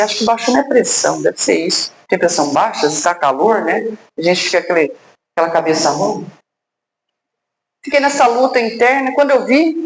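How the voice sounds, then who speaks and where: A Brazilian woman giving a personal testimony talk at a spiritist center, telling her story dramatically, acting out dialogue and pausing for suspense. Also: mid-range voice. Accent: Brazilian Portuguese. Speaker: guest speaker at a spiritist center. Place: spiritist center hall, indoors. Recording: echoey room, faint background noise.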